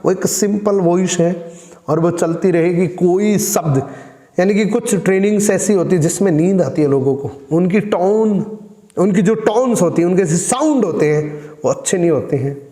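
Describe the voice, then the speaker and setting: A man's voice: high voice, normal speed, warm tone. A man giving a spoken communication-skills lesson, addressing listeners as friends and showing how tone changes the meaning of the same words. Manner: demonstrates tone by repeating the same lines in different ways. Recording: roomy echo with long reverb.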